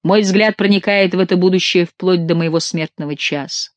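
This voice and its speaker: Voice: medium pitch, fairly even intonation, moderate pace, no room sound, natural voice. Amorous young male king, tender and effusive, as an audiobook reader puts him on; dry, close sound. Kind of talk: audiobook character reading.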